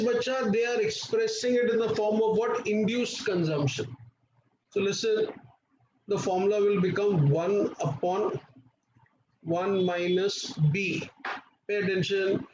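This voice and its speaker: A man's voice: sits high, dull audio. Indian-accented man as an online class teacher, repetitive and coaxing, in a roomy, noisy recording. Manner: insistent, repetitive, prompting students with questions and endearments. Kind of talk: live online class lesson.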